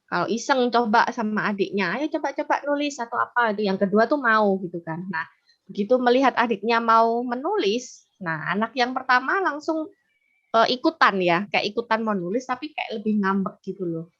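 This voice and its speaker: A woman's voice: on the high side, lively intonation, moderate pace, a bit bright. A woman hosting a question session who talks hesitantly, with many fillers. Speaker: host. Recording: muffled lo-fi recording.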